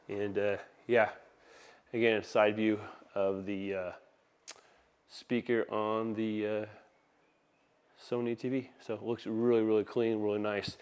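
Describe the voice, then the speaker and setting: A man with a lowish, clean-toned voice gives a casual, enthusiastic video tour of an audio installation. Filming by hand on a phone camera inside a large open living room, he chats informally like a salesman.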